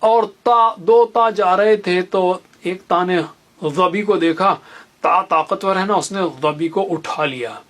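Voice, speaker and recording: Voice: medium pitch, slow, fairly bright tone. A teacher giving a beginner's tajweed lesson, explaining letters through little memory stories and repeating each sound patiently. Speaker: Quran teacher.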